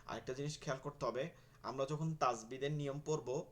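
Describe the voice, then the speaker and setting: Speaking fairly quickly at a medium pitch, a man teaches Quran reading online. Letter names get drilled over and over, and he asks questions only to supply the answers himself.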